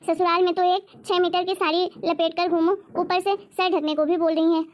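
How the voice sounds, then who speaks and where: Worried new bride for a cartoon, high-pitched and anxious, played by a woman. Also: level tone, fairly quick. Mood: fretting. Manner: complaining, anxious, muttering to herself. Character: newly married young bride, worried and fretful. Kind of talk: cartoon story voice acting.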